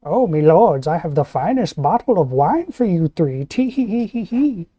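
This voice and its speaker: A man voicing a fawning, slimy little gnome flatterer in a tabletop game. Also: high voice, normal speed, dry recording, lo-fi sound, voice pushed up. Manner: obsequious, oily.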